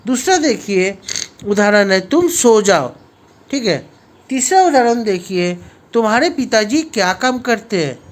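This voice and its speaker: A man's voice: high voice, sing-song. Patient male teacher explaining grammar. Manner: patient, repetitive, reads examples out slowly; frequent filler phrases while explaining. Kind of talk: classroom grammar lesson for schoolchildren.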